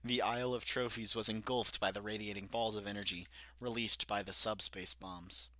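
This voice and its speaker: In a fairly low, steady, sharp-toned voice, a young man reads solo from a story he wrote as a kid at a moderate pace. He keeps stopping to comment and laugh at his old prose in a self-deprecating way, and there is no echo.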